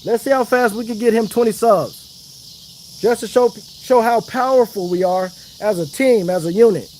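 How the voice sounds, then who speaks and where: A man's voice: high-pitched, moderate pace, a little mellow, slight background noise. A man chatting casually on a fishing livestream outdoors, hyping up his viewers. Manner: chatty, hypes up viewers, Southern slang. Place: outdoors by the water.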